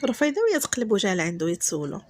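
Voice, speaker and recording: A woman with a Moroccan accent narrates a romantic story in a soft, breathy, husky, intimate voice, acting out the dialogue dramatically. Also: mid-range voice, sing-song, very fast, slight background noise.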